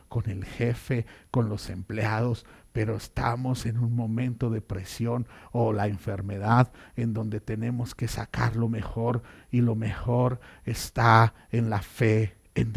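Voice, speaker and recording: A man preaching a sermon as pastor, dramatic and swinging between loud and hushed passages. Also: medium pitch, level tone, slow, vocal fry.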